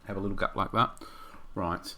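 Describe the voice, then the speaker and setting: A man giving casual game commentary, thinking aloud and rambling with hesitations, his voice getting hoarse. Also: low-pitched, fairly even intonation, moderate pace, bright, forceful tone.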